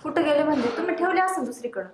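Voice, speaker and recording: An actress playing a young wife who defensively denies taking money. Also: female voice, high-pitched, expressive, rapid-fire, reverberant, crowd noise. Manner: defensive, snappy.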